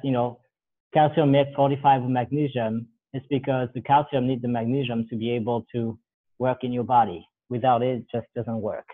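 A man with a mid-range voice demos a recipe as a guest over a thin call line. He's relaxed and rambling, correcting himself while working with his hands during this casual cooking demo. He's indoors, in a large bare room with a counter.

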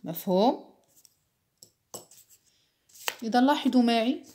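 A woman teacher giving a slow, patient spelling lesson to children, repeating words carefully and checking that they understand. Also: on the high side, expressive, dark tone, a little hiss or hum. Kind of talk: slow classroom explanation for children.

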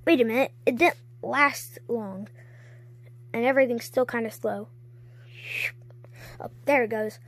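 A woman's voice: a little high, a little slow, pauses often, a bit bright, no echo. A woman narrating a playful toy skit in a giggly, chatty way. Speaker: toy video creator.

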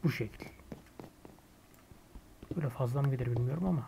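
A man from Turkey talks through a building game in a loose, casual commentary, often trailing into mutters and half-whispered asides to himself. His voice has a gravelly edge at a middling pitch, with a faint hiss of noise behind it. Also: brisk. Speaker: gaming YouTuber host.

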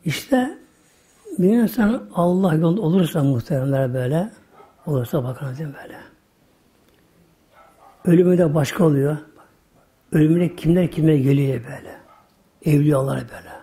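An older man telling a sermon story, his voice pitched a bit high for a man and dark, mellow in tone. He talks in a folksy way, keeps repeating the same little filler word, and often drops into hushed asides. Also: normal speed, pauses often. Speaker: religious teacher.

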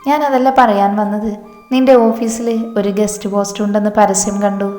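A woman narrator voicing a hopeful, quietly scheming young woman who talks in a soft, persuasive way. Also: medium pitch, fairly even intonation, moderate pace, lightly acted. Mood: coaxing. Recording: echoey room reverb, soft music.

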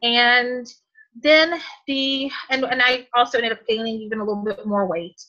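A woman's voice: a little high, steady tone, normal speed, bright, forceful tone, highs cut off. A woman in her forties telling a personal story, emotional and hesitant, with many ums and restarts. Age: 40s. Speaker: guest sharing a testimonial. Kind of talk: personal story told on a call.

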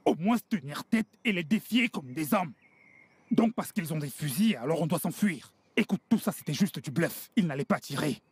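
An actor playing a domineering, indignant street gang boss in a dubbed film drama, scolding emphatically. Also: male voice, a little high, animated, normal speed, breathy edge, heavily acted. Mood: indignant ranting. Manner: scolding, emphatic, repeats himself.

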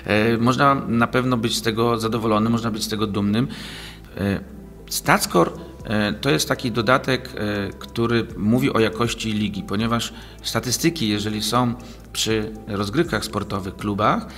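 Speaking at a moderate pace, this league president in his forties is a guest in an interview and answers at length, restarting often and using many fillers. His voice sits on the low side with a fairly bright tone. Faint music plays behind him as a desk mic on a boom arm picks him up in a small office studio.

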